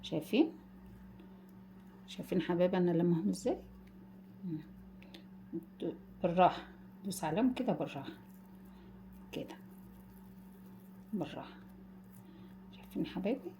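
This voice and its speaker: A woman with an Egyptian accent hosting a casual home cooking demonstration, gently guiding viewers step by step and calling them her dears. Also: fairly low pitch, expressive, fairly quick, pauses often, slight background noise. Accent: Egyptian Arabic. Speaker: cooking channel host.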